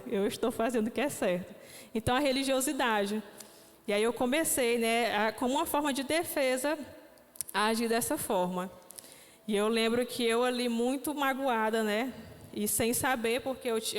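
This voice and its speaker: Young woman, church testimony speaker, reflective, higher voice, long hall echo. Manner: reflective, frequent "né?" tags. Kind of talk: testimony sermon.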